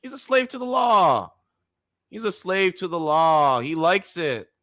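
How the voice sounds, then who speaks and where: A man in his thirties hosting reaction commentary, lecturing in a heated, preachy way with sudden loud outbursts. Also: high-pitched, big pitch swings, a little slow, no echo, clean studio sound. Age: 30s. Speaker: commentary channel host.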